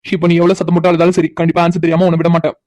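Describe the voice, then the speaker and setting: Voiced by a woman, this cartoon character is a cocky, stubborn young man who teases and mocks relentlessly and insistently. His voice is low, flat and mellow, delivered very fast in a teasing mood. The recording is dry, close and echo-free, with a natural-sounding voice.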